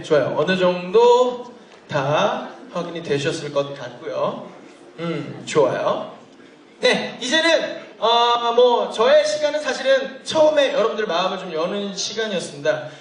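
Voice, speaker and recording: A man hosting a live event, bouncing around in pitch and teasing the audience as he coaxes them along. His high voice rings through a large, echoey conference hall. It reaches the mic from some distance away. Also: big pitch swings, unhurried. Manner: playful, jokey, coaxing the crowd. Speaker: event host warming up the audience. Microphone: handheld mic heard from a distance.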